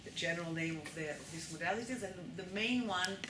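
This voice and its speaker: Speaking a little fast in a low-leaning voice, an Israeli-accented woman gives a lecture to a live audience and keeps checking in with them. The room is echoey, with a constant noise underneath.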